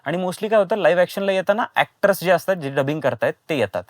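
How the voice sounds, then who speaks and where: A voice and dubbing actor talks fast in a high, animated voice during an interview, explaining his craft in a conversational, emphatic way. He repeats phrases for stress and drops in English words, recorded at studio quality with no echo.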